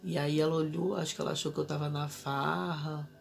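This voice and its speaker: A woman's voice: low voice, flat delivery, fairly quick, vocal fry, soft background music. A woman in her thirties telling an emotional personal story as a mother, urgently reliving her own desperate cries for help.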